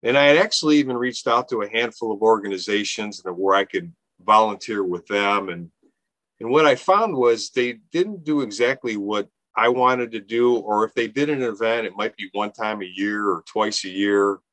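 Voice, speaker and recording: A nonprofit founder in his fifties speaks earnestly as a guest in a casual podcast interview, rambling and often restarting sentences amid many fillers. His voice is lowish and a bit bright, at normal speed. The recording is dry and rough.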